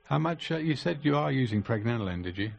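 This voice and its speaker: A man hosting a radio call-in show, brisk and steering callers along. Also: medium pitch, lively intonation, creaky.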